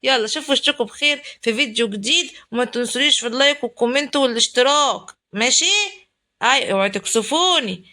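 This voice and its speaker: The same sort of casual home cooking vlog, narrated from a home kitchen by a woman with an Egyptian Arabic accent who talks chattily and exclaims right at her viewers. She speaks fast, with a fairly high, sharp voice.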